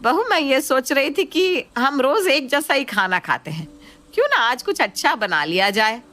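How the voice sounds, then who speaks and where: A woman's voice: high voice, sing-song, normal speed, bright, forceful tone, voice pushed up, exaggerated voice. A woman voicing an irritable cartoon mother-in-law, nagging, bossy.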